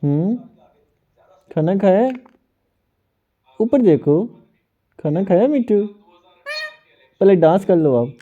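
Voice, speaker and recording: A woman talking to her pet parrot in a sweet, playful, coaxing way and gently teasing it. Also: mid-range voice, expressive, slow, pauses often, phone-quality sound. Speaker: parrot owner.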